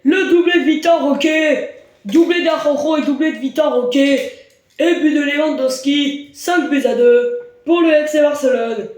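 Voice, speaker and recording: A man giving excited sports commentary on a football match, shouting and drawing out words at big moments. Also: very high-pitched, normal speed. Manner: shouts and draws out words on big moments, hesitant between them. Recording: very echoey room.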